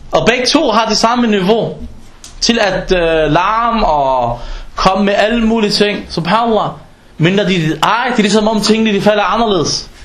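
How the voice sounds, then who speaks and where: A man giving an informal sermon in an animated way, acting out everyday exchanges as he preaches. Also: high-pitched, roomy sound. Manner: animated, acts out dialogues in quoted voices.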